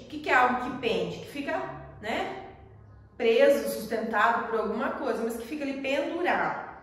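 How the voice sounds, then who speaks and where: A woman's voice: a little high, fairly bright tone. Echoey teacher, woman, from afar. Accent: Brazilian Portuguese. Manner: explains patiently, checks with "tá?" often. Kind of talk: classroom lesson. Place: classroom. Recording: echoey room, voice from far off.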